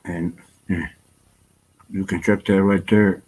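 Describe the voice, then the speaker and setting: A man with a low-pitched voice rambles through a personal vlog. His talk is loose and full of fillers, restarts and casual swearing. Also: fairly even intonation, slow pace, a little mellow, low-quality recording.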